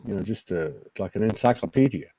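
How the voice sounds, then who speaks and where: Low mellow guy telling a heartfelt story, halting and earnest, dry close sound. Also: animated, slightly rough, no room sound, poor audio. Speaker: guest on a spiritual talk show. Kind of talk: personal storytelling in casual conversation.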